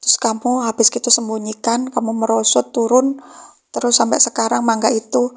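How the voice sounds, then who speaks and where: A woman voicing her younger self as a boastful girl, speaking in a smug, deliberate way. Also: fairly high pitch, little pitch movement, gravelly.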